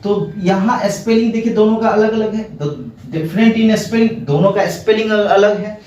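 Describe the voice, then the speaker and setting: A man's voice: sits high, fairly even intonation, normal speed, darkish tone, distant mic, a little hiss or hum. A male English teacher explaining grammar in Hindi, asking his own questions and then answering them. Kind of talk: classroom grammar lesson. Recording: echoey room, voice a bit off-mic.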